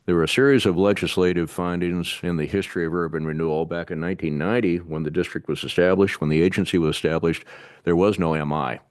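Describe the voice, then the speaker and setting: Very deep-voiced man giving a measured briefing. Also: steady tone, no echo, clean studio sound. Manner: measured and methodical, with occasional halting restarts. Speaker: city staff presenter to an urban renewal board. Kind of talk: explanatory briefing at a public board meeting. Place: city board meeting room.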